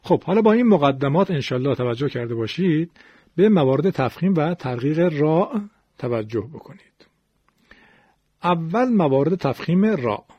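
A man teaching Quran recitation in a radio lesson, explaining rules patiently step by step and drawing out example words slowly. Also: on the high side, expressive, breathy edge, dry recording, dull audio.

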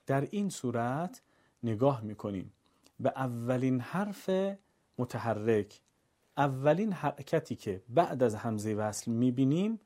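Man, recitation teacher, mellow voice, drawn-out chanted example words. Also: medium pitch. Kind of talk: recorded lesson on recitation rules.

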